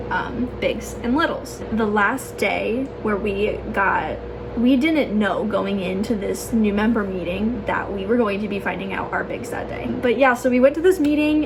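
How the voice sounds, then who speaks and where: A young adult woman telling a personal story casually, as a vlogger, in a chatty, gushing way full of filler "like"s and exclamations. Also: mid-range voice. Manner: chatty, gushing, peppers talk with "like" and "oh my gosh". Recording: clear background noise.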